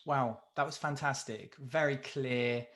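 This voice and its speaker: A man's voice: mid-range voice, steady tone, a little slow, fairly bright tone. A man hosting an online Q&A, chatty and upbeat, reading out audience questions. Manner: chatty, upbeat, loose with fillers. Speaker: host. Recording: echoey room.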